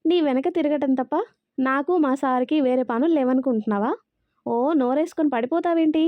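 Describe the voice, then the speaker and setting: Brief: female reader as joking young male assistant, light and high, dry dull recording. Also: moderate pace, no room sound, lightly acted. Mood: cheeky. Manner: pleading, cheeky banter.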